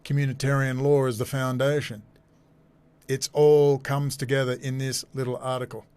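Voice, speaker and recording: A man giving animated, sarcastic commentary as a host, repeating his phrases. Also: mid-range voice, normal speed, clear, resonant tone. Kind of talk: ranting commentary over clips.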